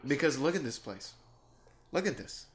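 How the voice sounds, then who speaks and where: A man's voice: fairly high pitch, sing-song, moderate pace. A young man in casual chat, rambling in a laid-back way about creepy places. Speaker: co-host.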